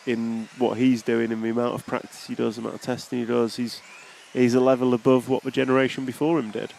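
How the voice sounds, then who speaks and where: Gravelly male race-event host. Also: mid-range voice, flat delivery, quick pace, a little mellow, a little hiss or hum. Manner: jokey, teasing questions, chuckles often. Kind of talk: casual trackside chat.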